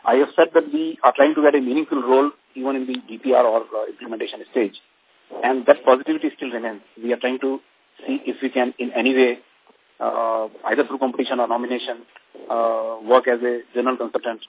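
Husky executive on a conference call line. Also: male voice, medium pitch, fairly even intonation. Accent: Indian English. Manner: halting, many fillers and restarts. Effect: conference call phone line. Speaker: company executive answering analysts. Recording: dry, tinny phone-line audio.

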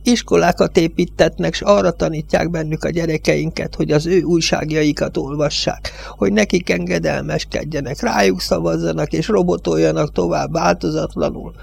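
Man doing an old village judge, high bleating voice, gravelly, grumbling and fearful, audiobook. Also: fairly even intonation, a little hiss or hum. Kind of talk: audiobook reading.

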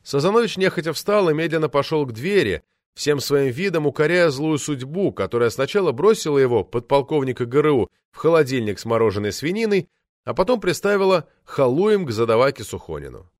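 A man narrates a novel in a mid-pitched voice. His intonation is animated and varied. The recording is dry and close. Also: brisk, dry recording. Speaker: audiobook reader. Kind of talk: scripted audiobook narration.

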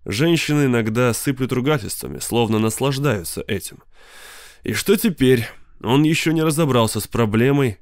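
A man reading an audiobook in measured scripted narration. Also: medium pitch, clean tone, no echo, clean studio sound. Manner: measured storytelling.

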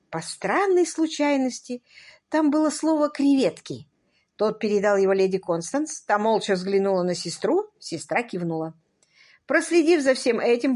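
A woman narrating a comic novel as an audiobook in a lively, playful manner, voicing the characters. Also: on the high side. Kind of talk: scripted narration with voiced characters.

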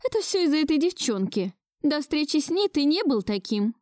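A woman's voice: fairly high pitch, big pitch swings, normal speed, a little mellow, no echo, studio quality, pitched above the performer's own voice. A woman reading an audiobook voices a stubborn, pushy old grandmother in a raised, reproachful voice.

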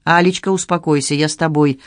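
A man's voice: on the high side, fairly even intonation, a little fast, no room sound, studio quality, lightly acted. A man doing a flustered pitiful ex-husband. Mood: plaintive. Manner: plaintive, flustered, guilty.

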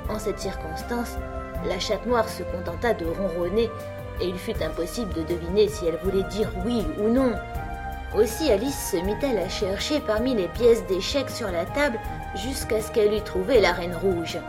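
A woman reading a storybook aloud in a calm, measured narrating voice. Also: medium pitch, music in the background. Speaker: audiobook narrator. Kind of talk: scripted narration.

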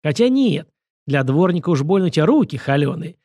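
A man's voice: fairly high pitch, big pitch swings, fairly quick, darkish tone, no echo, studio quality. A man voicing a pompous, touchy film director who blusters and talks about himself in the third person. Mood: blustering. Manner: blustering, refers to himself in the third person, squeals when angry. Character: pompous, touchy male film director, self-important and shrill.

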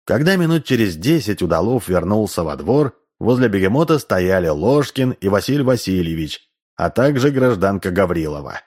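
Man, audiobook narrator, lively reading, fairly low voice. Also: normal speed. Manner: lively, character-voicing reading.

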